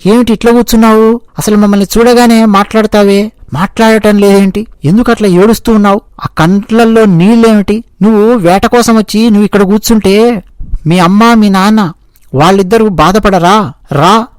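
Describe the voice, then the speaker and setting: A man's voice: sits high, steady tone, moderate pace, smooth, no room sound, lightly acted. A man voicing a group of young male hunters who insistently urge their friend to get up and come home. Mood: urging. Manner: insistent, urging.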